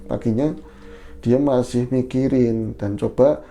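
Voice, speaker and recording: A man's voice: mid-range voice, steady tone, slow pace, creaky, warm tone, slight background noise. A man hosting a horror podcast, telling a story and acting out the characters' lines in raised voices. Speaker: podcast host.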